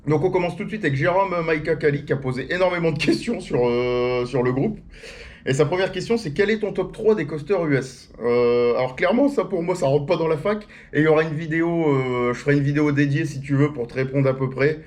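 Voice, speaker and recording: A fairly high-voiced young man talks casually as he answers his viewers' questions. He sits outdoors on a chair and rambles in a slangy way, full of fillers and restarts. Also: fairly quick, darkish tone. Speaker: theme park vlogger answering viewer questions. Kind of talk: casual chat.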